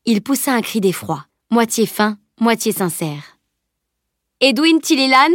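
Brief: woman audiobook narrator, steady even reading, mid pitch, dry close studio mic. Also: a little slow, no room sound. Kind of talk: scripted novel narration.

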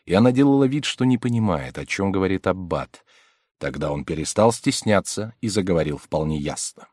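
A man narrating a classic novel in a measured, expressive storytelling manner. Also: low-pitched, no room sound, studio quality. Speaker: audiobook reader. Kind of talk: scripted literary narration.

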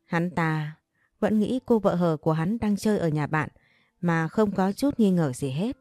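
A woman narrating a dramatic audio story in an even, scripted storytelling manner. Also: fairly low pitch, a little slow, dry recording, clean studio sound. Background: faint music.

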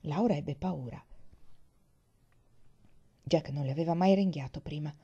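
A woman reading a children's novel aloud, in a gentle, measured storytelling voice. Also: low voice, breathy edge, dull audio. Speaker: audiobook reader.

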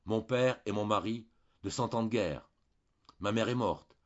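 A man's voice: on the low side, unhurried, dull audio. A man voicing a timid young woman who hesitates and stumbles over her words as she confides in a priest, read in a storybook manner. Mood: hesitant. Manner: hesitant, faltering, soft-spoken.

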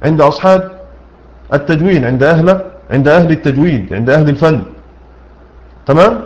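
A man's voice: a little high, expressive, dull audio. A man with an Egyptian accent teaching Quran recitation rules, explaining a poem line by line, asking questions and answering them himself. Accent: Egyptian Arabic. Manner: asks questions and answers them himself, repeats key words, recites slowly.

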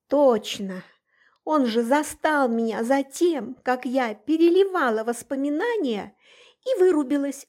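A woman narrating a first-person audiobook in an expressive, measured way. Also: on the high side.

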